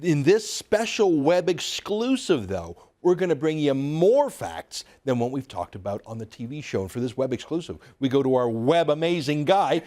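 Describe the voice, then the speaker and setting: A man's voice: on the high side, very animated, normal speed, few pauses, a little mellow. A man, hosting a political commentary segment in an emphatic, sarcastic way. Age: 40s. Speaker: host.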